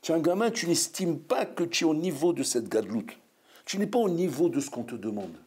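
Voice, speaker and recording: A man, a rabbi, preaching a sermon in a lively, scolding way full of rhetorical questions. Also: fairly high pitch, a little fast, husky.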